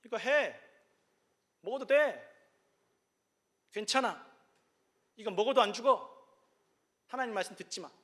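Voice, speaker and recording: A pastor voicing a sly, coaxing male devil who mocks and wheedles, rising to shouts. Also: sits high, lively intonation, unhurried, long pauses, voice pushed up.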